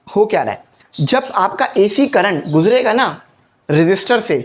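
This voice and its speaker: Lively male physics teacher. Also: high voice, unhurried. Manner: explains step by step, repeats key points, asks quiz questions. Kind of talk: exam-prep lecture.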